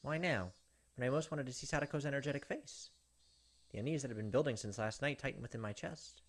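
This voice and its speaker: A medium-pitched man talks fast as he reads visual novel narration aloud with asides. He hosts a let's play, using a close desk microphone, and game music plays behind him.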